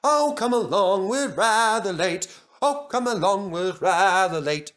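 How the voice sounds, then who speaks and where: Man as high, bossy Thomas the Tank Engine. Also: animated, unhurried, a bit bright. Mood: brisk singing. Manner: indignant, emphatic. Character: cheeky, impatient, bossy young male tank engine.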